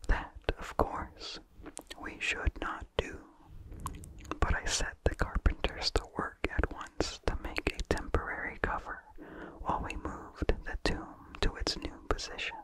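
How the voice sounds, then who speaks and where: Recorded roughly, a narrator reads vintage horror aloud in a breathy ASMR whisper without voicing, using slow and carefully measured phrasing.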